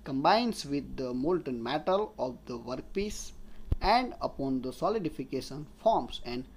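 A man's voice: mid-range voice, lively intonation, a little slow, creaky, a little hiss or hum. A man, giving a slide lecture as an engineering tutor and explaining step by step while restating his points. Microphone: voice-over on slides.

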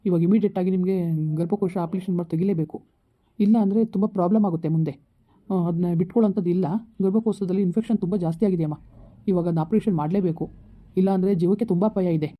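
A man playing a calm hospital doctor who explains things in a reassuring, repetitive way. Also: high-pitched, racing. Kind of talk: village comedy skit. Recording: tinny phone-like sound.

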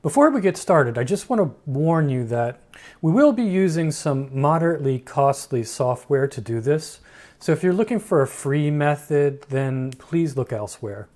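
A man hosting a software tutorial, explaining each step frankly with dry humor. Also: a little high, lively intonation, moderate pace. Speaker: tutorial host. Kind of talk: screen-recorded software tutorial.

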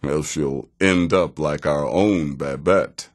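In a fantasy video game, a man voices a wry, sardonic middle-aged veteran assassin who hands out contracts. His rumbling low voice is dry, measured, and sarcastic.

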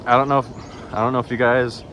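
A young man casually narrating a fishing trip outdoors by a dam, laid-back and excitable when fish bite. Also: mid-range voice, quick pace, slight background noise. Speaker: fishing vlogger.

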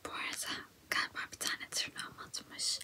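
A young woman performs a whispered role-play in a quiet, late-night hush. She acts out a smug, self-absorbed ASMR girl, full of self-praise and theatrical grumbling, all in breath with no voiced tone. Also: normal speed. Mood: theatrically aggrieved. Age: young adult. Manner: self-admiring, theatrically complaining. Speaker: ASMR creator. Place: small indoor room.

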